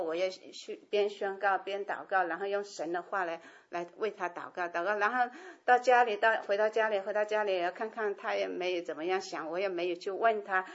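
A woman giving a personal church testimony, talking with feeling, often exclaiming and laughing. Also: mid-range voice. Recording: lo-fi recording.

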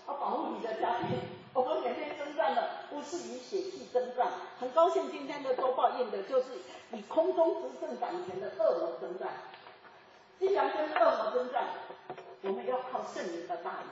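A woman in her seventies preaching a sermon, telling a lively story with laughter and bursts of chanted lines. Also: sits high, normal speed, a little hiss or hum. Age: 70s. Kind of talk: sermon testimony. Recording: echoey hall from far off, dull.

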